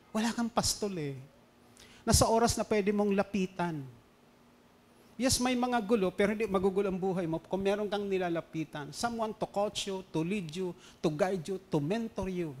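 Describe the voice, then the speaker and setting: A man with a Filipino accent preaching a sermon as pastor, switching between loud emphasis and quiet storytelling. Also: sits high, normal speed.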